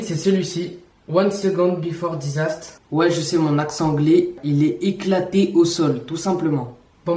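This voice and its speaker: A young man reacts to videos in a chatty, slangy way, laughing often and repeating phrases. His fairly high-pitched voice has a dark tone and sits far from the mic, with a roomy echo.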